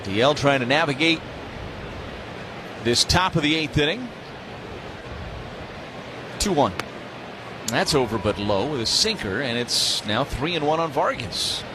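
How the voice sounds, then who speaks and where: Calling a baseball game live on radio from the stadium booth, this American play-by-play announcer sounds animated, with a mid-range voice, a measured pace and frequent pauses. Behind him you can clearly hear the crowd and the ballpark's ambience.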